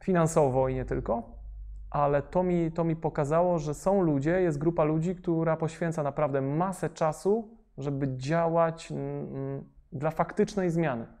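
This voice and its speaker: A young man, a rapper, talking casually in an interview, hesitant with many fillers and restarts but lively when he gets going. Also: fairly high pitch, moderate pace. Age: young adult.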